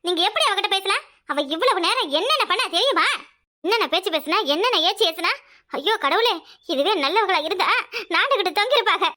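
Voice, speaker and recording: A woman with a southern Tamil village dialect voicing a jealous, sharp-tongued older wife who scolds sarcastically in a cartoon. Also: very high-pitched, animated, a little fast, heavily acted. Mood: scolding. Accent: southern Tamil Nadu village dialect. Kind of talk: cartoon voice acting.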